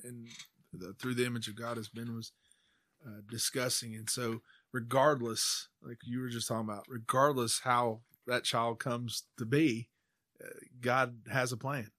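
With a bright, forceful medium-pitched voice on a dry recording, an American man talks about faith on his podcast. As host and church member, he keeps the discussion informal and conversational.

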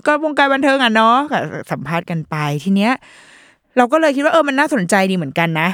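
A woman hosting a parenting podcast in a chatty, playful way, full of fillers and quick asides. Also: a little high, big pitch swings, a bit bright, dry recording, studio quality. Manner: chatty and playful, with lots of fillers and mock quoted voices. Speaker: podcast host. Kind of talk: casual parenting chat.

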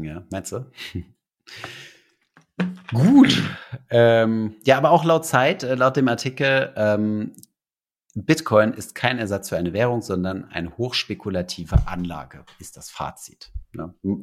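A man's voice: fairly low pitch, animated, measured pace. A man co-hosting a casual podcast, rambling along with lots of fillers and restarts. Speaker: podcast co-host.

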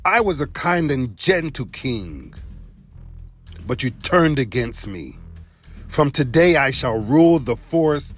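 A man's voice: mid-range voice, very animated, slow, husky, faint music behind, exaggerated voice. A man playing a fierce, scornful leopard king. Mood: furious. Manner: menacing, scornful.

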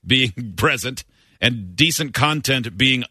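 A man's voice: mid-range voice, animated, slow pace, sharp tone, breathy edge, no room sound, studio quality. A man hosting a radio show with casual banter and a sarcastic, self-deprecating manner. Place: dry radio studio on a close mic.

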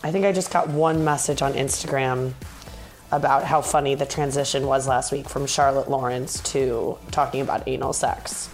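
Female podcast host, low register, vocal fry, weary, candid and self-deprecating, casual rambling delivery. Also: steady tone, moderate pace, faint music behind. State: tired from travel and talking. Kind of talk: casual solo podcast monologue. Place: bedroom in a condo, sitting in bed.

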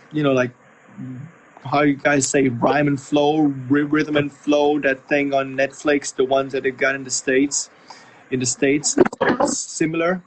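A man's voice: medium pitch, a little hiss or hum, poor audio. Tired laid-back man on a video call. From Thailand. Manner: laid-back, slangy and rambling. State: tired, woken at night. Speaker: guest, rapper. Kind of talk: casual interview chat.

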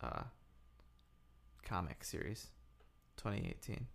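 A man's voice: low voice, sing-song, slow, gravelly. A man co-hosting a TV podcast in casual chat, rambling and trailing off, laughing often. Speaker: podcast co-host.

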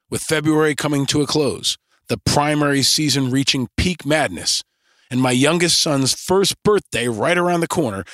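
This podcast host has a slightly high, somewhat bright voice, recorded cleanly in a studio with no echo. He delivers a scripted monologue built from punchy, rallying lists.

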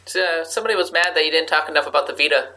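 A woman's voice: low-pitched, racing, sharp tone. A woman hosting a podcast in a casual, chatty, conversational way. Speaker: podcast host.

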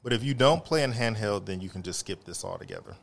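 A man with a low voice co-hosts a casual podcast, talking things through at length. His delivery is relaxed and easygoing. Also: fast talker, vocal fry, slight background noise. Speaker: podcast co-host. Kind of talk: casual chat.

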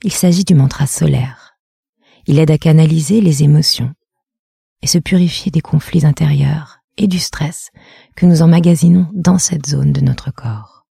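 A woman leading a guided meditation in a soft, half-whispered, measured voice. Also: deep voice, vocal fry, slightly rough, dry recording, clean studio sound.

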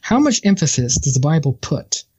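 A man co-hosting a podcast in casual chat, with a husky voice, steering the talk with leading questions. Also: a little high, big pitch swings, normal speed, a little mellow, highs cut off. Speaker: podcast co-host.

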